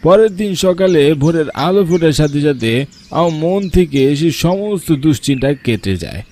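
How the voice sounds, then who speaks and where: Young guy telling a spooky story in first person, hushed and tense. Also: a little high, lively intonation, moderate pace, a little hiss or hum. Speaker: narrator.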